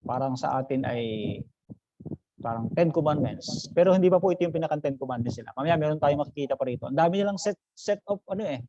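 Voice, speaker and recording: Male pastor, lecturing a class, higher-pitched and mellow, dry lo-fi video-call audio. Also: lively intonation, fast talker. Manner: mixes English phrases into Tagalog, poses questions to the class; calls listeners brothers and sisters.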